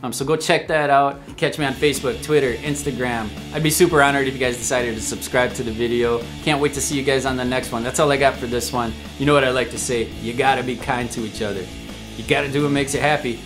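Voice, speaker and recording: A man's voice: medium pitch, steady tone, fast talker, music in the background. A man hosting a casual whiskey tasting vlog at home, chatty and upbeat, talking straight to his viewers. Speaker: host of a whiskey review channel.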